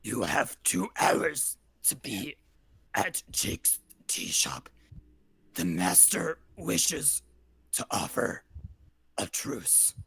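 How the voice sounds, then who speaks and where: A man's voice: mid-range voice, sing-song, extremely slow, vocal fry, sharp tone, breathy edge, full character voice. A man acting as game master, voicing a tall armored guard who speaks in a weird, tinny, inhuman voice. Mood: menacing. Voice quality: tinny, metallic, mangled delivery. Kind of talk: voicing a character in a tabletop game.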